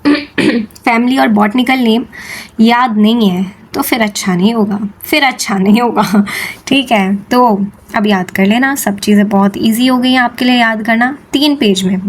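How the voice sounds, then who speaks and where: A young woman tutoring in a chatty, playful way, drilling terms slowly and repeating them, mixing Hindi with English terms. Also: on the high side, steady tone. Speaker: Ayurveda tutor. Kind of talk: informal exam-prep lesson.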